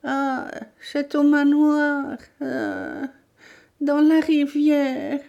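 A woman voicing a terrified old woman in an audiobook, stammering out words in a high, pleading voice. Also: fairly even intonation, drawn-out words, gravelly, darkish tone, muffled recording, heavily acted. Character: old woman driven mad by torture.

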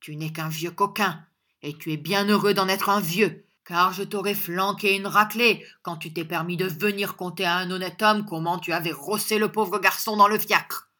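A woman's voice: fairly low pitch, fairly even intonation, normal speed. A woman voicing a bluff, hot-tempered honest country man who blusters and defies his opponent in a storybook reading. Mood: defiant. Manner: loud, blustering and defiant.

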